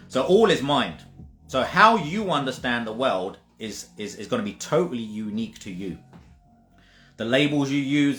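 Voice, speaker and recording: A spiritual teacher gives a casual, emphatic talk, repeating himself and sometimes swearing, in a lowish voice with a sharp tone. The recording has a roomy echo and faint music.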